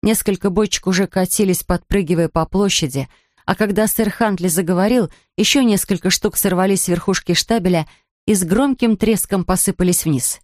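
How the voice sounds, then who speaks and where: A woman narrating a children's audiobook in a clear, even storytelling manner. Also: mid-range voice, a little fast, no echo, studio quality. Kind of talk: audiobook reading.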